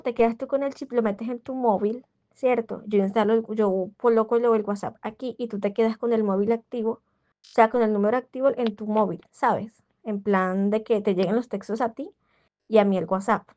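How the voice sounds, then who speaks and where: Woman, casual voice message, anxious, rambling, pleading, restarts, slightly high voice. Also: a little mellow. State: anxious and stressed. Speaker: person leaving a voice message to a friend.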